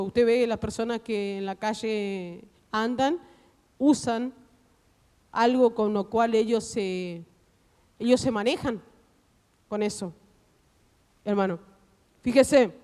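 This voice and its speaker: A woman with an Argentine Spanish accent, preaching a fervent sermon in a church hall. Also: a little high. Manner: fervent preaching, rising to loud exhortation.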